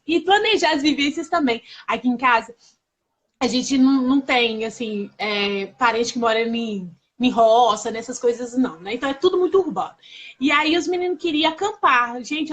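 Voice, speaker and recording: A Brazilian woman in her thirties, hosting a casual conversation and sharing personal stories in a lively, confiding way, often turning to speak straight to listeners. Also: sits high. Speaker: host.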